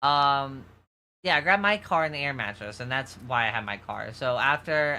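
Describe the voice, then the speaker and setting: A young man with a bright, forceful voice and a slight New York accent rambles through a story in casual stream chat. He often loses his thread and circles back, with faint noise behind him. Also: medium pitch.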